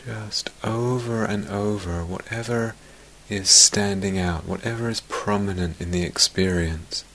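A man on the low side teaches meditation in a gentle, quiet way, with slight background noise present. He pauses for long stretches and lets sentences taper into a whisper.

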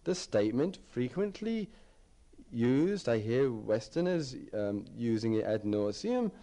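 A man's voice: medium pitch, big pitch swings, measured pace, warm tone. A man giving a dharma talk as a meditation teacher, reflective, often repeating phrases as he searches for words.

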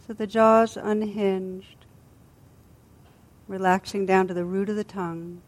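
A woman teacher guides a body scan meditation, speaking gently, soothingly and unhurriedly with long pauses. Her voice is medium in pitch with fairly even intonation.

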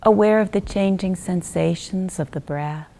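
A woman guides a meditation as its teacher, her lowish, creaky voice gentle and unhurried. She speaks in short phrases that fade softly to almost a whisper.

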